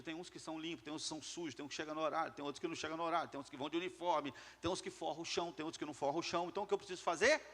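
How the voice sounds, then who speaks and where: A man's voice: on the high side, a bit bright. A man with a slightly raised voice gives a punchy motivational talk to entrepreneurs. He hammers his points home through repetition and keeps asking the crowd questions. His voice rings with the long reverb of a large hall. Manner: emphatic, repeats key words, asks the audience questions. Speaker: business speaker addressing entrepreneurs. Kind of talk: motivational talk to a live audience.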